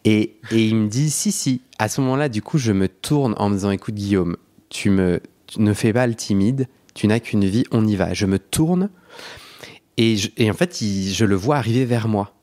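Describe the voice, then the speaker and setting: In this casual storytelling podcast, the young male host laughs a lot and keeps starting his sentences over. He speaks at a normal speed in a fairly low, dark-toned voice.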